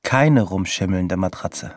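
A man's voice: low voice, lively intonation, slow, no room sound, clean studio sound. Curious playful young woman, as a man reads her lines. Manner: quoted lightly in the narrator's own voice.

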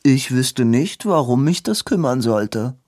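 A man's voice: mid-range voice, lively intonation, a little slow, darkish tone, no room sound, studio quality, pitched above the performer's own voice. A man doing a haughty, dismissive lord. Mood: haughty disdain. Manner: disdainful, clipped, affected.

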